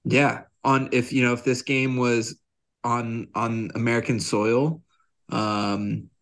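Gravelly-voiced man in casual sports chat. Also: mid-range voice, flat delivery, slow, a bit bright. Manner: easygoing, agreeable, hesitant fillers. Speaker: podcast co-host.

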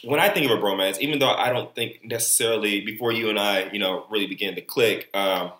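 A man's voice: lowish voice, fast, fairly bright tone. A man in his thirties co-hosting a casual podcast in a studio, laid-back and rambling. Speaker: podcast co-host. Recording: echoey room.

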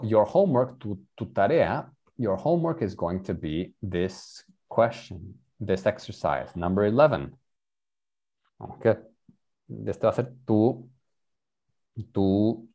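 Male English tutor, patient, lively pitch. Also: a little slow, lo-fi sound. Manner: patient, switches between English and Spanish, repeats and explains. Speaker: English teacher. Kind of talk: online bilingual English lesson.

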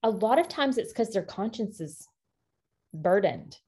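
A woman co-hosting a casual faith-based parenting podcast, talking in an earnest, encouraging way with quick asides. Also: mid-range voice, lively intonation, mellow, breathy edge. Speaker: podcast co-host.

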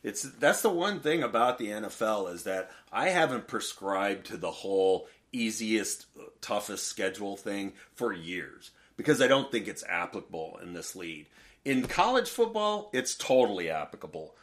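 A man co-hosting a casual sports podcast, talking in halting bursts with many fillers and restarts. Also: on the low side, very animated, fairly bright tone. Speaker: podcast co-host.

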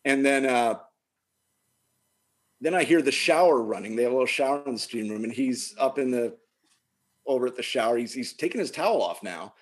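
A man casually telling a funny personal story, animated and laughing often. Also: mid-range voice, brisk, long pauses. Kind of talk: casual chat.

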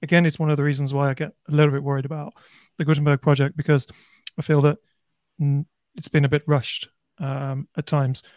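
A man's voice: a little high, little pitch movement, fairly quick, a little mellow, dry recording, studio quality. A man from Birmingham with a light Birmingham accent, talking casually on a panel discussion and thinking aloud. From Birmingham, England. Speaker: podcast panelist.

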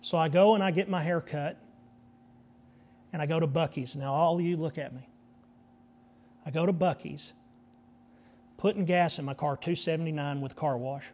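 A man in his fifties preaches as a pastor, his voice sitting a little high for a man. He tells a personal story from the pulpit in an animated way, acting out the people he meets. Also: moderate pace, pauses often. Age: 50s. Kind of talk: storytelling sermon.

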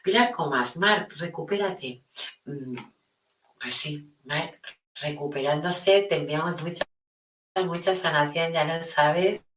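Low-voiced woman reading comments. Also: slow, a bit bright, distant mic. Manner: affectionate, reads viewer comments aloud and answers them. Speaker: podcast host. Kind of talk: live stream chat reading comments. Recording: echoey room, voice off-mic, faint noise.

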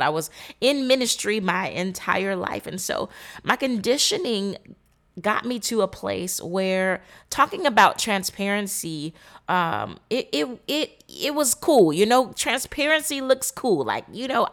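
A woman's voice: medium pitch, fairly bright tone. A woman hosts a motivational podcast. She talks emphatically, repeats words for stress and calls her listeners queen. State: stuffy nose. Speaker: podcast host. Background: painters working nearby.

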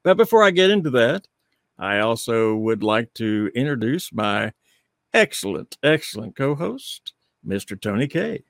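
Halting male host, dry close sound. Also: mid-range voice, very animated, gravelly, no echo. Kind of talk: unscripted live panel show hosting.

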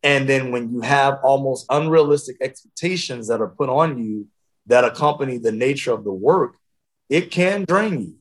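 A man's voice: mid-range voice, lively intonation, moderate pace. A man speaking as an interview guest, earnest and reflective about his work as an advocate. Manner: earnest, reflective, restarts phrases.

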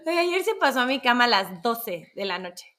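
A Mexican woman in her thirties, a podcast co-host telling lively stories about her son in casual chat. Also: a little high, normal speed. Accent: Mexican Spanish. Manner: animated storytelling, acts out her son's voice.

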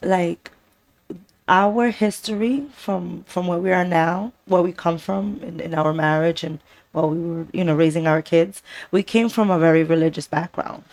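Co-host: low, gravelly woman with a New York accent, goofy and giggly, talks in broken phrases. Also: fairly even intonation, normal speed, darkish tone. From the Bronx. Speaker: co-host, host's wife. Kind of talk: casual chat.

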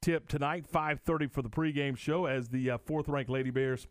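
A man hosting live sports radio talk, conversational and halting as he works through his points. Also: medium pitch, steady tone, no room sound. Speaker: sports radio show host.

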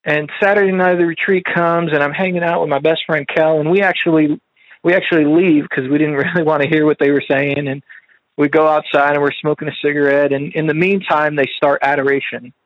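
A man's voice: fairly high pitch, fairly even intonation, brisk, no echo, highs cut off. A man telling his personal faith testimony in a casual, rambling way, with many fillers and restarts. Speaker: speaker sharing a faith testimony.

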